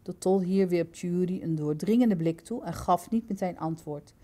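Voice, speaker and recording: A woman reading a children's book aloud in a calm, steady storytelling voice. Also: lowish voice, normal speed. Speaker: storybook reader.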